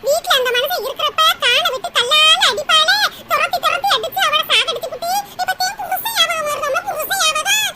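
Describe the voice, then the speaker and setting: Woman voicing a cartoon old grandmother, very high-pitched, grumbling, self-pitying, loud background hiss. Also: fairly quick, few pauses. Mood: complaining. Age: older. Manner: scolding, self-pitying complaints. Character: grumbling elderly village grandmother. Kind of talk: cartoon comedy voice acting.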